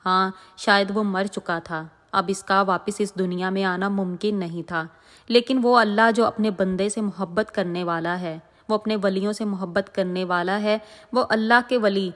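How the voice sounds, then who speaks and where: A woman's voice: medium pitch, fairly even intonation. A woman narrating a moral religious story with dramatic, emotive delivery. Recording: long echoing reverb.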